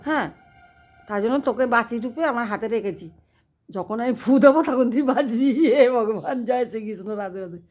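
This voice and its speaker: A woman's voice: on the high side, brisk, darkish tone, soft background music. A woman telling a funny religious story in a chatty, laughing way. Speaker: cooking channel host. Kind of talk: casual comic monologue.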